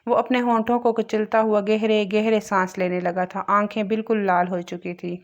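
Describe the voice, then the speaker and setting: A woman narrating a romance novel aloud in a steady, emotive storytelling manner. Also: mid-range voice, normal speed, highs cut off. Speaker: audiobook narrator.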